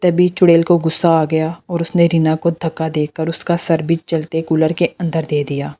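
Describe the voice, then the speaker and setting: A woman telling a horror story in a plain, steady narrating voice. Her pitch sits low and her tone is warm and mellow, with no brightness. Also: moderate pace.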